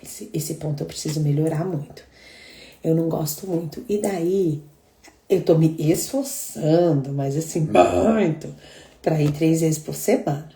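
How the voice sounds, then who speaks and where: Brazilian woman, middle-aged, devotional leader, very dark mellow tone, echoey room. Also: low voice, measured pace, gravelly. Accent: Brazilian Portuguese. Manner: chatty, storytelling, laughs often. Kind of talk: live devotional chat.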